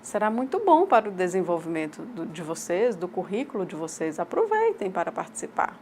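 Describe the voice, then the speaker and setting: A woman with a Brazilian accent voicing a sign language teacher's lecture aloud, in measured, halting short phrases. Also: on the low side, very animated, a little mellow, a little hiss or hum. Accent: Brazilian Portuguese. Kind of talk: voiced interpretation of a lecture.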